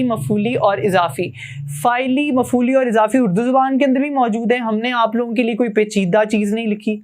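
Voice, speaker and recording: A young man from Pakistan, a university student, giving a classroom grammar lesson and patiently explaining with rhetorical questions. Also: extremely high pitch. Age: young adult. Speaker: student teacher.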